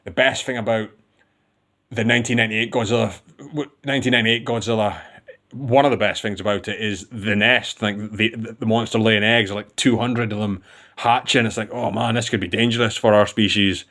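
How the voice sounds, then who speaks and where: A man's voice: lowish voice, steady tone, moderate pace, sharp tone. A man giving a casual, rambling film review with enthusiasm, often restarting his sentences.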